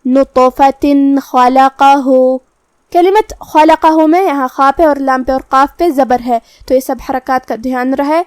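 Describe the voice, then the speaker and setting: A woman with a high voice gives a step-by-step lesson on the rules of recitation. She explains each rule calmly and in order, and draws out the recited verses slowly. The sound is dry and close. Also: no echo. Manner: calm, methodical explanation, with slow drawn-out recitation of verses. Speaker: Quran recitation teacher.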